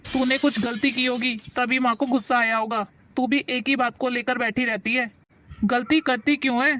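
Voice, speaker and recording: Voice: medium pitch, fairly even intonation, normal speed, a bit bright, no room sound, close to an everyday voice. A performer playing a stern young husband who lectures his wife to respect his mother, in a family drama skit. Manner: lecturing, curt.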